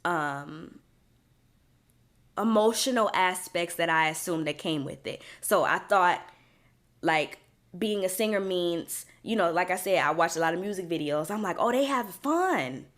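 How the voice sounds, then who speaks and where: A woman's voice: lowish voice, a little slow, fairly bright tone. A young woman talks through her thoughts on her own podcast. Her delivery is casual and reflective, full of "like" and restarts as she works out what she means. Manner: chatty and reflective, many fillers and restarts. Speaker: podcast host. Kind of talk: casual solo podcast monologue.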